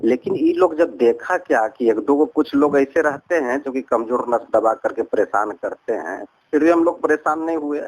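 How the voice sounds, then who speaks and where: In a long, rambling phone conversation that was recorded, a Bihari-accented man speaks earnestly about personal things, returning again and again to the same points. His mid-range voice is animated and a little mellow, moving at normal speed with hardly any pauses.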